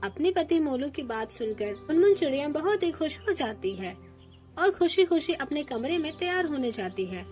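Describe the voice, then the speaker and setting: High-voiced woman storyteller, steady cartoon narration, soft music behind.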